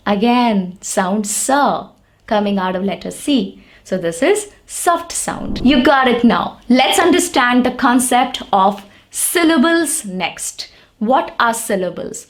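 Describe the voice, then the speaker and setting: A woman teaching an English pronunciation lesson, saying example words slowly and repeating them for practice. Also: fairly high pitch. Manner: slow, deliberate, repeats words for drill.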